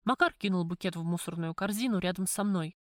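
A woman narrating a first-person novel as an audiobook, calm and measured. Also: on the low side, no room sound, studio quality.

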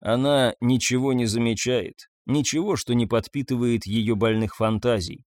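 A gloomy, worn-out father who drinks, read by a man close to his own voice. He speaks low and resigned, in a dry, close recording. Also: steady tone, normal speed, a little mellow, dry recording, close to an everyday voice. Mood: weary. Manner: tired, low, heavy sighs of resignation.

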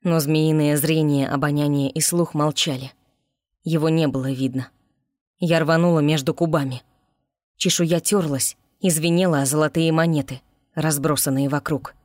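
A woman narrating a fantasy audiobook in first person with an expressive reading. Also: deep voice, moderate pace, no room sound, studio quality.

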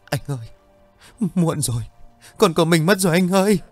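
A man's voice: medium pitch, animated, moderate pace, faint music behind, natural voice. A male storyteller voicing a young mother who pleads and weeps in a horror audio story, speaking in a raised, strained voice. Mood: sobbing. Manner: tearful, pleading. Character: young mother, frantic and grieving woman.

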